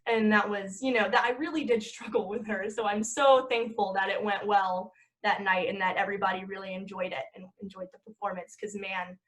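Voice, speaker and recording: Speaking a bit fast with hardly any pauses, this twenty-something actress and podcast guest has a medium-pitched, steady, slightly bright voice. She keeps the conversation casual and chatty, full of "like" fillers and quick laughter.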